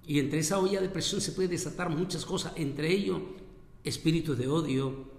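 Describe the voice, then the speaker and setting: A man hosting a talk show, commenting on current events in a measured, hesitant way and correcting himself as he goes. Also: fairly high pitch, creaky, roomy sound, big-room sound.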